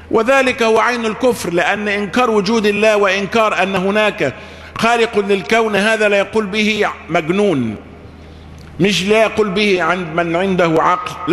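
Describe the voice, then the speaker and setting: A man's voice: high voice, a bit bright, roomy sound, in a large hall, a little hiss or hum. A man preaching a Friday sermon. He explains step by step, repeating phrases and asking rhetorical questions.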